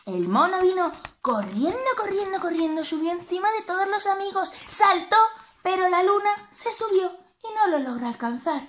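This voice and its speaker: A woman's voice: extremely high pitch, moderate pace. Teacher lady reading a kids' story, sing-songy, swoops up and down a lot. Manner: animated, sing-song and expressive. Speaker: preschool teacher. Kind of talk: storytelling for small children.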